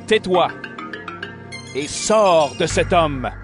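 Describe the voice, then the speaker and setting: An actor playing Jesus as a firm, solemn and authoritative teacher in an audio Bible drama. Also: male voice, a little high, expressive, very slow. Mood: stern command. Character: Jesus, authoritative adult male healer and teacher. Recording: voice over clear background music.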